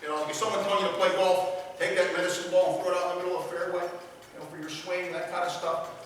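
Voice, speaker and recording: A man addresses a crowded room, his fairly high voice carrying long reverb. He talks in a loose, conversational way, checking in with the room now and then. The distant mic catches the hall's echo and a faint hiss. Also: little pitch movement, fast talker, a bit bright. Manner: conversational, repeats himself, asks the room "okay?" and "right?". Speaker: public speaker from a sheriff's office. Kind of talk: public talk to an audience. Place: large echoey hall with an audience. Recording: echoey hall from far off, faint hiss.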